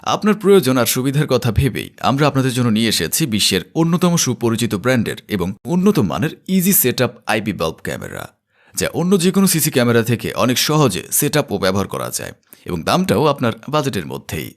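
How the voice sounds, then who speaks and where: A man with a Bangladeshi Bengali accent reads a scripted infomercial sales pitch in a persuasive, promotional manner. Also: wildly swooping pitch, fairly quick. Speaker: advertisement narrator.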